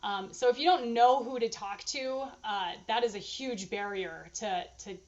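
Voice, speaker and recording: A woman's voice: on the high side, measured pace, darkish tone, lo-fi sound. A woman answering questions at her dissertation defense, thinking aloud in a hesitant, hedging, informal academic way.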